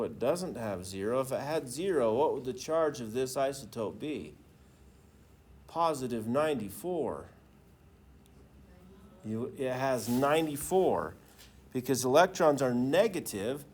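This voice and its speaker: A man's voice: mid-range voice, slightly rough. A man teaching a class in the manner of a professor lecturing, informal and often checking in with students through questions.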